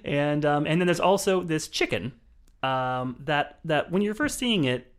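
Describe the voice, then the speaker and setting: Male co-host, playful needling, pitch spikes when excited. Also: measured pace, clean tone. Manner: teasing, joking banter. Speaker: podcast co-host. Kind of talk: casual film review chat.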